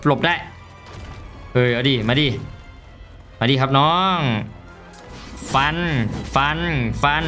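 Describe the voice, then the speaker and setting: A young man giving casual, excitable commentary while playing a mobile game, loud and swearing often. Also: mid-range voice, slow pace, pauses often, faint music behind.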